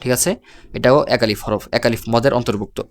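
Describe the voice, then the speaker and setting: Male teacher with a Bangladeshi Bengali accent, smooth and clear, mid-pitched, patient and repetitive as he drills syllables for a video lesson. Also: fairly even intonation. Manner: patient, spells out syllables slowly and repeats them. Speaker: Quran reading teacher. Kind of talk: step-by-step recorded lesson.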